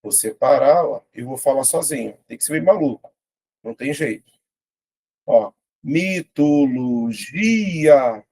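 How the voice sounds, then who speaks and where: A man teaching a casual online Portuguese lesson, chatty and colloquial, working through examples step by step out loud. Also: mid-range voice, husky.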